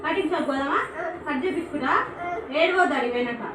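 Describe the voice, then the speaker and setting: A woman's voice: sits high, fast talker. A young woman, playfully coaxing her small daughter in a casual home vlog, recorded on a phone. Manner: coaxing, playful, sing-song with a small child. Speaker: vlogger mother. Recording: echoey room with background noise.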